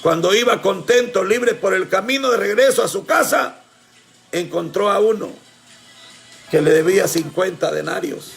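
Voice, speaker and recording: A man preaching a sermon with fervor, often shouting and calling on his congregation as brothers. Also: sits high, normal speed, creaky, faint music behind.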